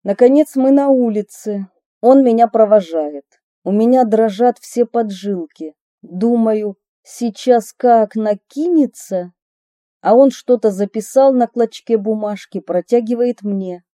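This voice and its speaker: A woman reads her own memoir aloud, telling it expressively with a light ironic touch. Her voice is fairly high but dark in tone, and unhurried. The studio sound is clean, with no echo.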